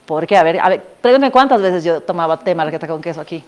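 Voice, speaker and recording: A chatty woman with a Bolivian Spanish accent, a former scholarship student, gives a casual storytelling talk to an audience. She speaks fast in a lowish voice, animated and laughing often, and addresses listeners directly with tag questions.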